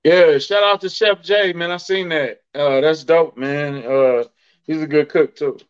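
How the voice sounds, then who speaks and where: A man's voice: fairly high pitch, steady tone, measured pace, smooth, dull audio. A man co-hosting a casual sports show in slangy bro talk, often saying man and bro.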